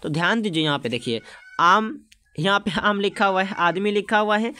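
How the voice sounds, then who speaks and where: A man's voice: high-pitched, moderate pace, bright, forceful tone, smooth. A man teaching an exam-prep lesson, repeating terms and putting questions to the class.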